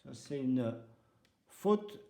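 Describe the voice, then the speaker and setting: Slow, mellow-voiced male French teacher. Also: mid-range voice, expressive, gravelly. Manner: spells out pronunciation rules, switching between French and Basque. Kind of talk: slow, deliberate language lesson with repeated example words. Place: home. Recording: roomy echo.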